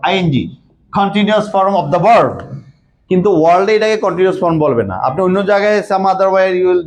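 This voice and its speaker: A man teaching English grammar, repeating key words and quizzing the class with quick questions. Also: high voice. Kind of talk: classroom lecture.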